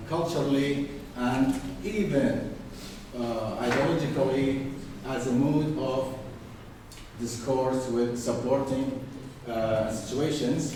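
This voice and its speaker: Male student presenter, slow and mellow, hesitant delivery, far-off echoey classroom recording. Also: mid-range voice, a little hiss or hum. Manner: hesitant, many fillers.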